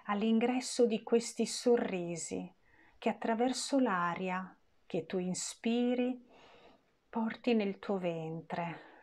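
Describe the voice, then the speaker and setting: A woman leading a guided meditation in a gentle, soothing voice with long pauses. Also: medium pitch.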